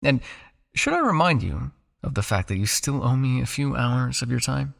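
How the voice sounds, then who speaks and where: Playing a possessive male vampire captor in an intimate hypnosis roleplay, a man talks directly to the listener, coaxing and teasing like someone certain of his hold. His mid-pitched, animated voice carries heavy, crackling fry, and he sounds confident and challenging, with pauses, sighs and murmured asides.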